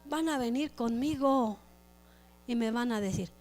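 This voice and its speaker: Woman pastor, high voice, lively preacher who slips into quick character asides. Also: soft background music. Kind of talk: sermon.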